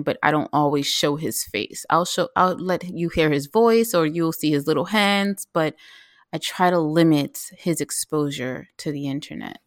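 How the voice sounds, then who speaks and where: A woman chatting as a guest about home cooking, lively and quick, with many fillers and restarts. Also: low-pitched, no echo, clean studio sound. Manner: animated, talks fast with restarts and fillers. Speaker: guest, vegan home cook. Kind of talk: casual interview chat.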